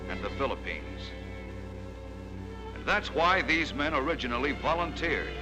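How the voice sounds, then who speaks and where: A man's voice: mid-range voice, low-quality recording. A man giving declamatory, solemn and emphatic narration in the style of a 1940s wartime newsreel. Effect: old newsreel narration. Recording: narration over a loud music score.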